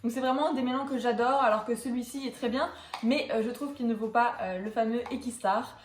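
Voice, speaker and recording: A woman's voice: fairly high pitch, fairly quick, reverberant. A young woman chatting through a casual product review vlog, filling her talk with small hesitations and restarts. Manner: chatty, many fillers and restarts. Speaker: equestrian vlogger.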